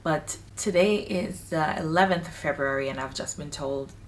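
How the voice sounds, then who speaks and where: Chatty woman, slightly low voice. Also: normal speed, recorded from a distance, slight background noise. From Saint Vincent and the Grenadines. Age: late 20s. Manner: candid, chatty, emphatic. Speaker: vlogger. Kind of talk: casual talk to camera. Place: home in Hong Kong, bathroom.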